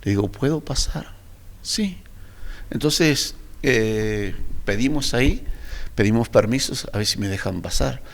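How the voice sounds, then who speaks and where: Argentine pastor guy, low gravelly voice, tells his stories all lively, does the voices. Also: moderate pace. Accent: Argentine Spanish. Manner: animated storyteller, acts out dialogue. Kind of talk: interview storytelling.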